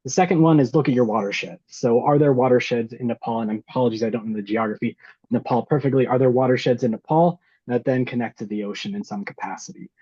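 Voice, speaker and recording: A man's voice: mid-range voice, fast, dark tone, slightly rough, dry recording. A man explaining as an expert panelist on a video call, friendly and thinking aloud. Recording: slightly dull video call audio.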